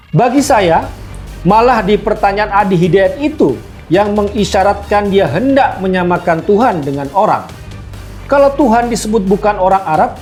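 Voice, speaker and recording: High-pitched man making pointed criticism. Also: darkish tone. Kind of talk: critical commentary.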